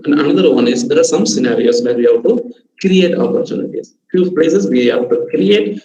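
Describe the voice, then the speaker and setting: A man's voice: on the high side, warm tone. A man with an Indian English accent giving a live online lesson on a video call. He lists numbered tips and keeps coming back to "okay". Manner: repeats "okay", gives numbered step-by-step tips. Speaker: online workshop trainer. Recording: dull, roomy video-call audio with faint hiss.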